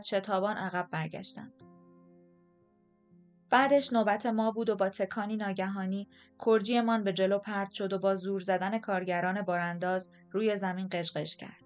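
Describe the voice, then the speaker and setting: A woman reads a first-person audiobook at a measured, steady pace, with soft drama in her delivery. Her voice sits in a middle range for a woman. Faint music plays underneath. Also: medium pitch, smooth. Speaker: audiobook narrator.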